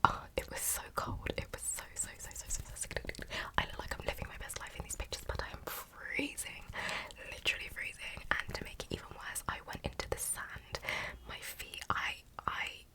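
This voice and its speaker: A British woman in her twenties doing fast whispering ASMR in a casual chat, breathy and close to the mic, rapidly repeating words and phrases. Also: low-quality recording. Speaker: ASMR video creator. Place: indoors in a room at home.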